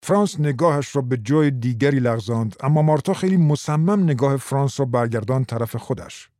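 A man narrating a novel as an audiobook, in a steady, expressive storytelling manner. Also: mid-range voice, no room sound, studio quality.

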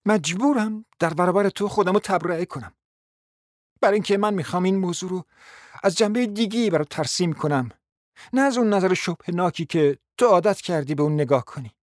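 A proud, scheming middle-aged mother , played by a man in a radio drama, pleading and insisting at length in a high voice. The recording is dry and close, with no room sound. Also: lively intonation, dry recording. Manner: pleading, insistent and long-winded.

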